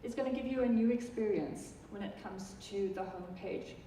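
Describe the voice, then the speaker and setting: A South African woman with a South African accent presents software in a chatty live talk to an audience, full of ums and restarts. Her medium-pitched, mellow voice is brisk, and the distant recording in an echoey hall has a little hiss or hum.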